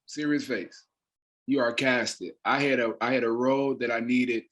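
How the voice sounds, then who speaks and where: An American man is interviewed in his role as a stage director, speaking casually and promotionally. His pitch is in the average male range, his intonation fairly even, his speed normal, and his tone a bit bright.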